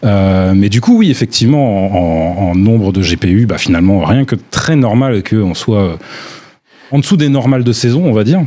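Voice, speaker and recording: A man's voice: lowish voice, animated, moderate pace, warm tone. A man giving casual analysis as a panel commentator, wordy and hesitant as he explains. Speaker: hardware commentator on a panel show.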